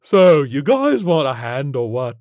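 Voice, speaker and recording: A drawling, unbothered tentacled alien with a lilt,. His slow speech swoops up and down in a lively way, and the recording is close and dry. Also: medium pitch, no echo, pitched above the performer's own voice. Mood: laid-back. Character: laid-back male tentacled alien, stoner-casual.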